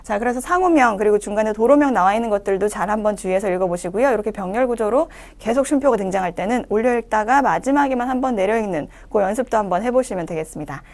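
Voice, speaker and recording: A woman teaching English pronunciation in a lecture, explaining step by step and reading the English phrases slowly to show them. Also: mid-range voice, a little mellow. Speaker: English speaking-test instructor.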